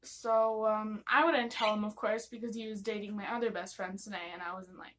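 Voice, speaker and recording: A woman's voice: medium pitch, fairly even intonation, moderate pace, fairly bright tone, rough recording. A young American woman telling personal stories in a casual vlog, gossipy, giggly and rambling, acting out bits of dialogue as she goes. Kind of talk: casual confessional storytime.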